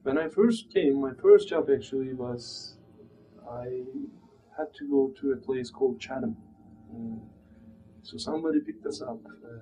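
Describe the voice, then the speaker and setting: This interview features a man from Turkey, in his thirties, recounting his immigrant experience in a mid-range, dark-toned voice with a Turkish accent. He hesitates and searches for words as he reflects, with soft background music in the dull, muffled recording from a small plain room full of room noise.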